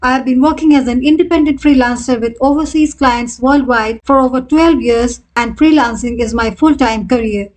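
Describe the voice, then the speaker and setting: A woman in her thirties giving a scripted freelancing tutorial, explaining each step clearly and in order. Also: sits high, normal speed, hardly any pauses. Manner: clear, step-by-step instructional delivery. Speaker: freelancing coach.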